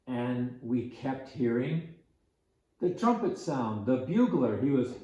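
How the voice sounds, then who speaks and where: A man telling a story to children in a slow, conversational, gently animated way. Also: mid-range voice, heavy reverb, dull audio.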